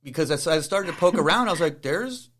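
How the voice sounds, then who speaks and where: A man hosting a podcast interview, asking relaxed, rambling questions full of fillers. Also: fairly high pitch, fast talker. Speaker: podcast host. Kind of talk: casual interview.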